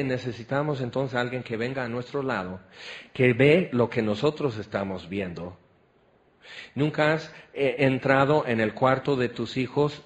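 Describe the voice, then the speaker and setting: A middle-aged man with a Mexican accent preaching a sermon, telling stories and dropping into soft, confiding tones. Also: medium pitch. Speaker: pastor.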